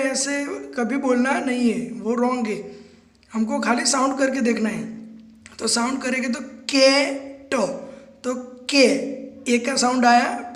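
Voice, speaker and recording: A man from Gujarat, an English teacher giving a classroom-style video lesson and spelling words out letter by letter. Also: very high voice. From Gujarat, India.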